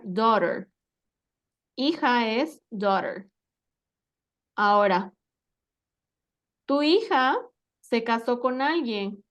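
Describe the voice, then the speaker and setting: Patient woman teaching English. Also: fairly high pitch. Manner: patient, quizzing with frequent tag questions. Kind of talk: live English vocabulary lesson.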